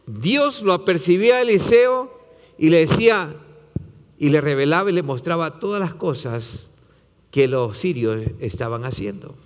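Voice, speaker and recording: A man preaches from the pulpit, retelling a scripture passage with dramatic voicing and repeated phrases. His voice sits fairly high and rises and falls sharply. A long reverb from the church hall trails behind every phrase. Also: animated, moderate pace. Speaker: pastor. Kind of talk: sermon.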